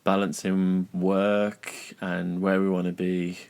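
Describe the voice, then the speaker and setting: A man in his thirties, chatting casually as a podcast co-host inside a small, soft-furnished caravan. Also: deep voice, little pitch movement, slow, clear, resonant tone. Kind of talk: casual conversational podcast chat.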